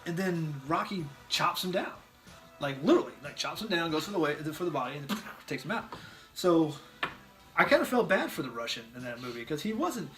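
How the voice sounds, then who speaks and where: A man co-hosting a casual movie review chat, rambling and animated, often breaking into loud acted-out yells. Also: on the high side, brisk, soft background music. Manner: rambling with restarts. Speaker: podcast co-host.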